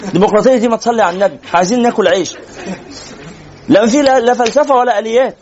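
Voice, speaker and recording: A man with an Egyptian accent giving a religious lecture in a conversational, animated way, teasing and asking rhetorical questions. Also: very high-pitched, very fast, muffled recording. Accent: Egyptian Arabic. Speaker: sheikh lecturer.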